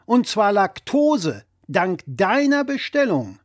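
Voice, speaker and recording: A man's voice: high-pitched, big pitch swings, slow, pitched above the performer's own voice, heavily acted. A man voicing an exasperated grown son who answers with dry, wry replies.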